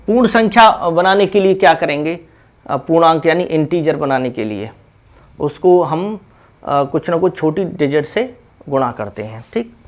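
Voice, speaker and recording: Chemistry teacher, male, high voice, unhurried, walks students through each step. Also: lively intonation. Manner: slow, step-by-step explaining with repeated check questions. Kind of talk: blackboard lesson.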